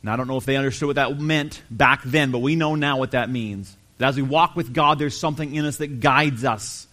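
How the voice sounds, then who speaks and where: A man preaching a sermon, earnest and emphatic, slowing down to stress key phrases. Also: mid-range voice, pushed and bright. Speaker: pastor.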